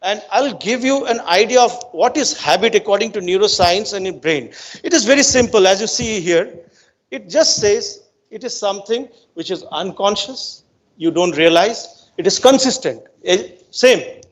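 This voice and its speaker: High-pitched Indian man, emphatic lecturer. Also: expressive, normal speed. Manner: emphatic repetition, frequent rhetorical check-in questions. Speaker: brain-based coach giving a talk to students. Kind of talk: motivational educational lecture with storytelling.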